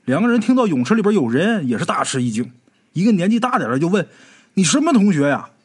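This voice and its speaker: A man narrating a ghost story in a dramatic, animated storytelling manner. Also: high voice, fast, slightly rough.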